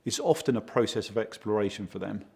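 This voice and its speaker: Husky man explaining steadily. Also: lowish voice, fast. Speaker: project consultant for a home design firm. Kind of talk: measured interview answers.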